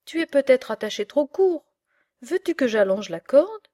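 A woman's voice: high voice, sing-song, normal speed, warm tone, no room sound, clean studio sound. Woman doing a fretful old farmer. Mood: pleading. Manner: pleading and fretful. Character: worried, kindly old male farmer.

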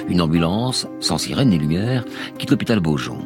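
A man's voice: low-pitched, big pitch swings, moderate pace. A man narrating a scripted radio documentary as a dramatic story, with emphatic phrasing. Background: music.

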